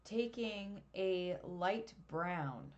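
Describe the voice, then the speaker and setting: A woman with a fairly low voice talks through a live drawing lesson, explaining each step as she works. She is chatty and laughs at her own slips. She is picked up by a webcam mic. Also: lively intonation, drawn-out words, highs cut off. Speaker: art teacher.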